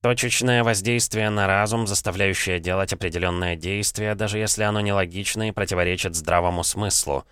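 A man voicing a polite, cautious castle butler who speaks in a formal, measured and slightly hesitant way. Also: sits low, fairly even intonation, a bit bright, clean tone, no echo, studio quality. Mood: thoughtful.

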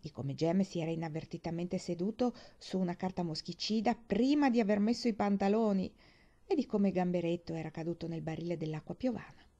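A woman reads a novel aloud with expressive, shifting delivery. Her voice is low and mellow, and the recording sounds dull and muffled. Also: a little fast. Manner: expressive, varied reading. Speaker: audiobook reader.

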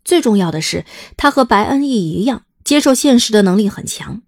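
A woman's voice: mid-range voice, lively intonation, a little fast. A woman reading scripted, dramatic story narration as an audiobook narrator.

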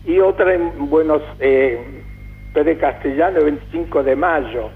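An older man from Calabria, Italy, reminiscing as a radio interview guest, halting and full of fillers. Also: a little high. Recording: tinny phone-like radio sound.

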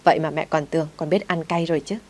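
A woman reading a family drama story aloud, speaking every character in the same steady narrating voice. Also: sits low, fast talker.

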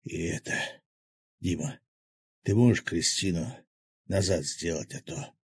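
A man's voice: low-pitched, animated, normal speed, a little mellow, slightly rough, dry recording, studio quality, full character voice. A man voicing a wounded young gang leader who wheezes weakly yet keeps teasing, in an audiobook.

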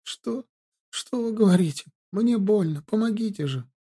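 Dying young woman in an audiobook, frightened and pleading, played by a male narrator pitched up and breathy. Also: animated, moderate pace, dark tone, full character voice. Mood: pleading, terrified.

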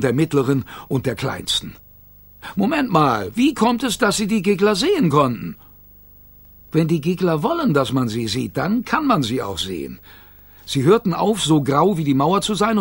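Gravelly, lively male storyteller. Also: on the high side, no echo. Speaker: audiobook narrator. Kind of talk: expressive children's audiobook reading.

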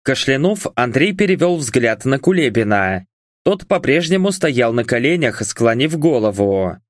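A man's voice: mid-range voice, very animated, measured pace, dry recording. Man reading an audiobook, dry sound. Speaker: audiobook narrator. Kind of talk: scripted narration.

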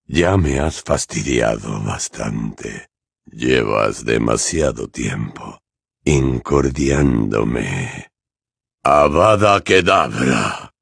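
A man voicing a cold, cruel male dark lord wizard in an audiobook, talking slowly and with contempt. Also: extremely low pitch, expressive, creaky, husky, no room sound, clean studio sound, voice pushed down, exaggerated voice. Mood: cold menace. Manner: slow, menacing, contemptuous. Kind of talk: audiobook character voice.

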